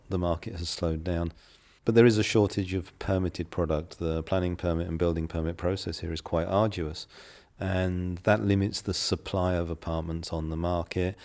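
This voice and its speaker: As an interview guest, this middle-aged English property developer replies in a measured, businesslike manner. His voice is very low, gravelly, dark and mellow, and he stops to think now and then with an occasional filler.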